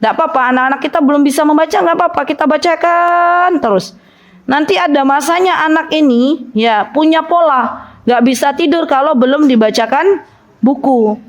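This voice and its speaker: A woman's voice: sits high, moderate pace. A woman preacher giving a sermon to a women's study group, acting out parents and children in her stories. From Indonesia. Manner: lively, acts out parents and children in quoted lines. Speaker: Islamic preacher.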